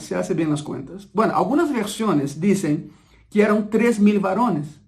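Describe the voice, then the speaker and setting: A man preaching a sermon, emphatic and repeating key phrases slowly so the congregation absorbs them. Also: high voice, darkish tone.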